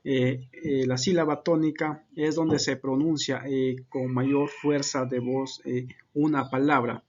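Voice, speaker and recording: A man explains a class topic in an unscripted presentation, stopping often on fillers and correcting himself. His mid-pitched voice stays flat and even. The recording is dull and lo-fi, with a faint steady hum behind him. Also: takes it slowly. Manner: hesitant, many fillers and self-corrections. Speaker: student presenter.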